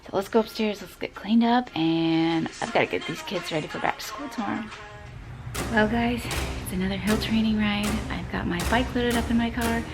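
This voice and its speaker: A woman's voice: medium pitch, moderate pace, over music, rough recording. A woman talking casually to the camera in a vlog about her training, chatty and full of filler words. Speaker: vlogger training for a triathlon.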